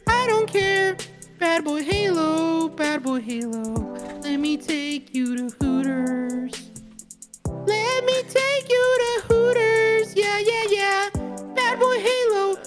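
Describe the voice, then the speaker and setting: A man voicing a squeaky, pitched-up singer who taunts a rival in a sing-song diss track over loud backing music.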